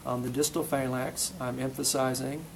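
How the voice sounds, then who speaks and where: A man's voice: mid-range voice, little pitch movement, moderate pace. A man teaching a hands-on classroom demonstration, coaching with short repeated commands and quizzing students between steps. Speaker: instructor. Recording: noisy classroom recording.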